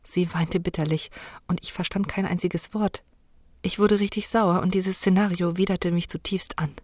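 A woman reading a first-person novel chapter as an audiobook narrator, expressive and heightened in dialogue. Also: lowish voice, normal speed, no echo.

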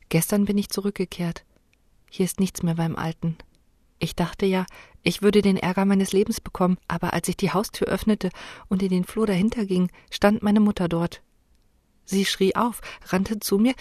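A woman reading a first-person novel chapter as an audiobook narrator, expressive and heightened in dialogue. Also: medium pitch, normal speed, no room sound, clean studio sound.

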